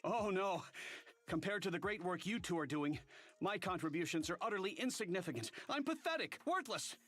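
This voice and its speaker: High-voiced platoon leader who stammers and grovels, total fanboy, game dub. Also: male voice, expressive, fairly quick, fairly bright tone, soft background music. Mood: awestruck groveling. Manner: stammering, overly reverent. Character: groveling fanatical male army platoon leader. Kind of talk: game voice acting.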